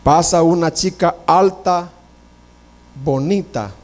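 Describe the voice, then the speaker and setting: A male pastor preaches in a slightly raised voice and at an unhurried pace. He swings from loud, high-pitched declarations to hushed, whispered prayers, and he puts on a higher voice for the people he quotes. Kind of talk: sermon.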